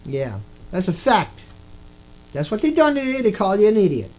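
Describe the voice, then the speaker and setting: Angry ranting man, high voice. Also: sing-song, moderate pace, rough recording. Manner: repetitive, profane, indignant; shouting bursts. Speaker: video host.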